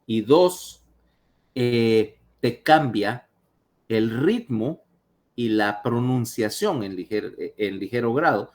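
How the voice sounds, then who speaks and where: A man's voice: medium pitch, expressive, slow, a little mellow. Chatty man giving an online lecture. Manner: chatty, asks listeners questions.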